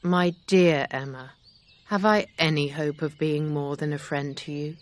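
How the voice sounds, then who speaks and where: A woman voicing a calm, sincere gentleman. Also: low voice, unhurried.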